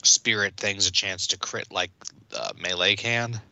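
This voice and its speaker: A man's voice: sits low, fairly even intonation, measured pace, sharp tone, no room sound. A man co-hosting a game-review podcast, chiming in with short matter-of-fact remarks. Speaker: podcast co-host. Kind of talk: casual review chat.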